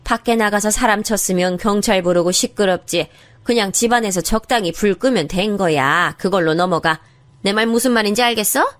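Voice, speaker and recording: A woman's voice: medium pitch, fairly quick, natural voice. A woman voicing a harsh, scornful older mother-in-law who belittles and nags her daughter-in-law. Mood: dismissive.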